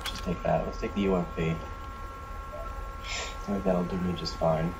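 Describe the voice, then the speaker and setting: A man's voice: deep voice, little pitch movement, moderate pace. A man doing casual let's play commentary on a headset, with a nasal voice from allergies, reacting and swearing at the game as he plays. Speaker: gameplay commentator. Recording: bad headset mic with clear noise.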